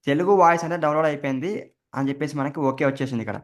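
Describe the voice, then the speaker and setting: A man walks viewers through a software setup, talking quickly. He names every key he presses as he goes. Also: fairly high pitch. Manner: explains each keystroke as he goes. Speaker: tech tutorial host. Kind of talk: step-by-step screen recording tutorial.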